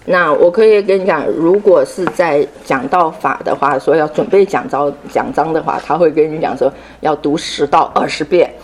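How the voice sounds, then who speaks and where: A middle-aged woman teaching a Sunday school class in an unhurried way. She repeats her key phrases, drops in English words and ends her phrases with soft tag particles. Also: deep voice, a little hiss or hum.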